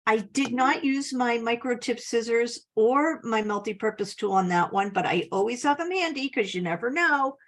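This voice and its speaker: Woman walking thru a scrapbook border craft, lively sing-song voice, slow unhurried talk. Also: fairly high pitch. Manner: chatty, enthusiastic, frequent little laughs. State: slight cough. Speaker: scrapbooking instructor. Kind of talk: casual craft tutorial.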